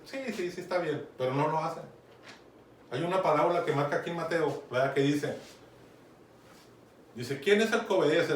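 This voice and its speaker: This preacher speaks in a rather high, bright voice, giving a chatty Bible sermon in a Mexican accent and regularly checking in with the congregation. He is recorded from far away in an echoey room, with some faint noise.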